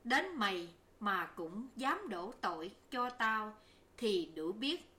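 A defiant, jealous concubine snaps back in an indignant, scolding voice, as a woman reader puts her on. The tone is bright and pointed, and the words come slowly. It sounds like a storybook reading. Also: medium pitch, very animated, heavily acted.

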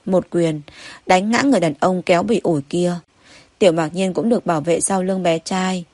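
A woman's voice: on the low side, a little mellow, no echo. A woman narrating a novel as an audiobook, reading evenly and steadily. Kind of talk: scripted story narration.

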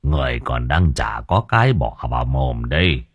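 A man doing a gruff, weary old villager. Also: a bass voice, sing-song, dry recording, highs cut off, voice pushed down, full character voice. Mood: grumbling. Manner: grumbling, cursing, slow and weary. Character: poor, gruff but kind-hearted old village man.

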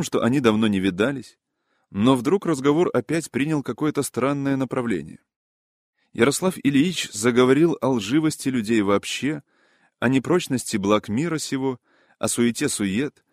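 Brief: male audiobook narrator, steady literary reading, middle pitch, dry close studio sound. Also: no room sound. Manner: measured, even reading.

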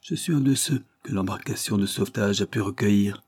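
A man reading the part of an earnest, grateful young gentleman in a classic novel audiobook. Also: fairly low pitch, a little fast, breathy edge, no echo. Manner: earnest, heartfelt.

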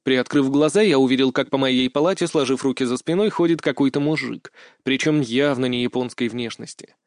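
A man narrating a first-person audiobook in a measured, wry storytelling manner. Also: medium pitch, no echo, clean studio sound.

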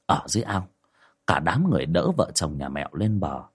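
A man's voice: brisk, slightly rough. A man narrating a spoken ghost story in a dramatic way. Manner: dramatic, lively pitch.

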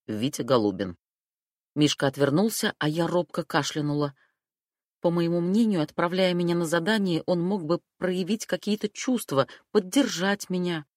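A woman's voice: fairly low pitch, no echo, clean studio sound. Woman reading a first-person novel. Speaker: audiobook reader.

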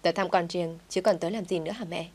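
Spiteful bitter young woman, read by a woman, low voice, audio drama. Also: steady tone, fast talker, a little mellow, slightly rough. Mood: sneering. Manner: sneering, resentful.

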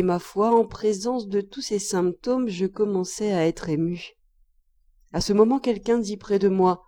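A woman reads a classic novel aloud for an audiobook. Her voice is warm and mellow at an ordinary pitch, and her telling is expressive, rising sharply whenever the characters cry out. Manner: expressive, raises pitch sharply for quoted cries. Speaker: audiobook reader. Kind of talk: literary audiobook narration.

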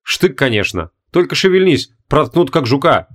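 A man's voice: on the high side, sing-song, normal speed. Man narrating an audiobook dramatically. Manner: dramatic, varied intonation.

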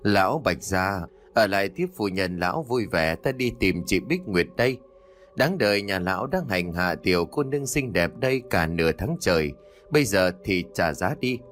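A man's voice: low voice, lively intonation, normal speed, fairly bright tone, faint music behind. A man voicing a mischievous, greedy little girl who taunts and sulks, in a read-aloud ghost story. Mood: taunting. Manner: bratty, sulky, taunting.

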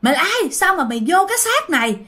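A woman voicing an older village woman loudly scolding a spirit with repeated questions. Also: very high-pitched, sing-song, quick pace, pitched above the performer's own voice, exaggerated voice. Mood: shouting scolding. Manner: shouting, repeating angry questions.

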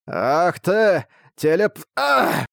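A man voicing a gloating monstrous male spider mage boss who shouts and cackles, in a dry recording. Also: sits high, big pitch swings, very slow, creaky, dry recording, voice pushed up, exaggerated voice.

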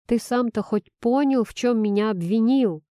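A woman's voice: on the high side, moderate pace, mellow, no echo, clean studio sound, voice pushed up, natural voice. A woman voicing an angry young man who talks in a tense, bitter, hissing way. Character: angry young man confronting his father.

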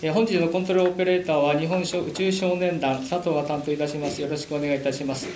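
Male radio operator heard over a radio link, slow measured call signs, slightly high voice, echoey noisy feed with clicks. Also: steady tone. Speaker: ground station control operator. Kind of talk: amateur radio call procedure.

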